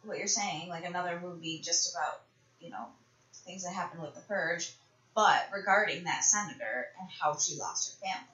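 Lowish-voiced woman guest chiming in. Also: moderate pace, pushed and bright. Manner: brief, questioning interjections. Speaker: podcast guest. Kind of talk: casual film discussion. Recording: roomy, dull lo-fi podcast audio.

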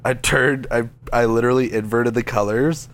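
A man co-hosting a casual gaming chat, rambling and excitable, filling his speech with "like". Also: mid-range voice, moderate pace, soft background music. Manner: rambling, heavy use of "like", excitable. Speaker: podcast co-host. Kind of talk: casual chat about video games.

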